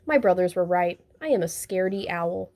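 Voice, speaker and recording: A woman voicing a timid little girl owl in a storybook, with a small, soft voice. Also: lowish voice, expressive, normal speed. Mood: sad.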